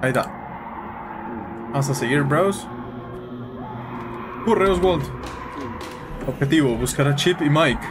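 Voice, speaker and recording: A man giving jokey, slangy horror-game commentary and yelling when scared. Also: mid-range voice, normal speed, pauses often. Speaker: gaming YouTuber. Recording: game music behind voice.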